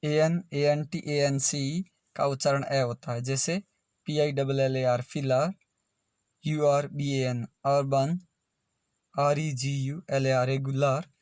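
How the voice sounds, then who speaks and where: Slow, spelling-out male English tutor. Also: medium pitch, little pitch movement, darkish tone, smooth, dry recording, studio quality. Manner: spells words letter by letter, then says them slowly. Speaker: English pronunciation teacher. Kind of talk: slow spelling-and-pronunciation lesson.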